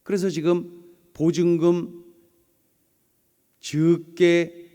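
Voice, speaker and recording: A man with a rather high voice delivers a Sunday sermon in a church sanctuary. He is emphatic and repetitive and leads his listeners in call-and-response. The sound carries a long, ringing reverb. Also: little pitch movement, drawn-out words, mellow. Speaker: pastor.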